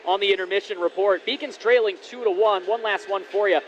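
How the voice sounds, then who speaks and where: A man's voice: sits high, brisk, dull audio. A man working as a hockey announcer and interviewer, with a polished, formal live broadcast delivery. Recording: noisy live rink broadcast.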